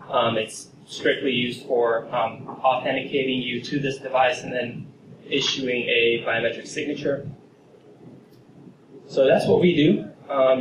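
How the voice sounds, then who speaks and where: A young man giving a confident tech presentation with a handheld microphone in an office meeting room. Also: mid-range voice. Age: young adult. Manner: confident, explanatory, casual fillers. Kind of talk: conference talk with demo. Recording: roomy, distant camera audio with noise.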